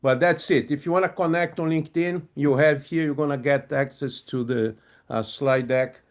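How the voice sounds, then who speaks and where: Raised speaking German and French before relocating to Brazil, this man now has a Brazilian Portuguese accent. On a video call he presents a live project management webinar in a friendly manner, hesitating often and using many fillers. His voice is a little high, with fairly even intonation and a moderate pace.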